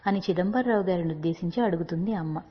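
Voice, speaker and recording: A woman narrating an audiobook story in a measured, unhurried way, in a dull recording with long reverb. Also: lowish voice, slightly rough. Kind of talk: audiobook reading.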